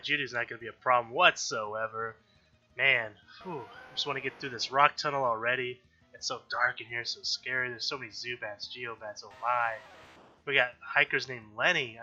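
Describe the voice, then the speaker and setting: A man with a medium-pitched, sharp-toned voice speaks at a moderate pace, sounding slightly nasal and stuffed up from allergies. He hosts a let's-play video and chats casually through the game, often correcting himself and clearing his throat. The recording is lo-fi and dull, with faint background music.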